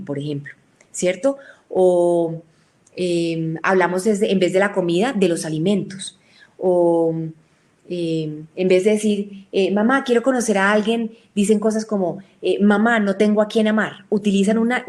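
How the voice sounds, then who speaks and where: A woman explains her subject to an audience. She speaks at a middle pitch and works through the points with examples and acted-out quotes. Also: darkish tone. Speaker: lecturer. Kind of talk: explanatory talk.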